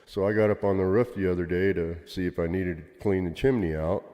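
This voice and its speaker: A man's voice: low-pitched, steady tone, fairly quick, warm tone. An older man co-hosting a podcast, telling stories in casual chat, with cave-like reverb on his voice. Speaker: podcast co-host.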